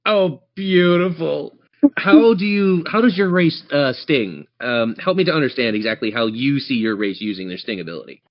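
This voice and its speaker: A man with a mid-range, animated voice runs a tabletop game as game master, narrating the action and encouraging the players at a moderate pace. The sound is lo-fi.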